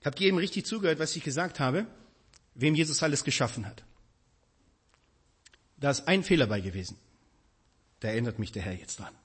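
A man preaching a sermon, addressing his congregation directly with emphatic, animated delivery. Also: medium pitch, brisk, long pauses, slightly rough.

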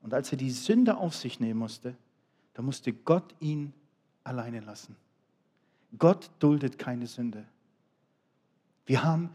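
A middle-aged man preaching a sermon, swinging between loud, emphatic appeals and quiet, low asides. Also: breathy edge.

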